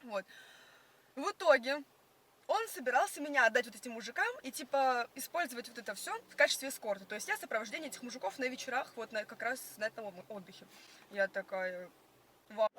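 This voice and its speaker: A woman's voice: a little high, animated, quick pace, pushed and bright, slight background noise. A young woman telling stories in casual, slangy chat full of filler words, recorded inside a car. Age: young adult. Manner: slangy, filler-heavy storytelling. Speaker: passenger being interviewed.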